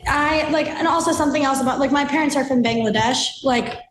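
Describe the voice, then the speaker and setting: Young New woman, high voice, fast casual chat, echoey room with faint hiss. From United States. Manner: quick, chatty, with many fillers. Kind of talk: casual conversation.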